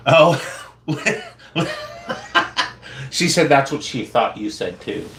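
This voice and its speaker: Lively bright-voiced man on a live stream. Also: medium pitch, slow pace, creaky, slight background noise. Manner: upbeat, laughs often, reacts to chat. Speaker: co-host reading live chat. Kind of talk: casual live-stream chat.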